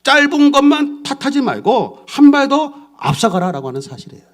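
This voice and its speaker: A male pastor preaching a sermon in an animated way, acting out the voices of the people in his stories. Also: very high voice, brisk. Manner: animated, acts out quoted voices.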